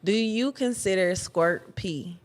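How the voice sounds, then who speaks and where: A woman's voice: medium pitch, takes it slowly. A woman co-hosting a podcast in casual chat, giving frequent backchannels and laughing a lot.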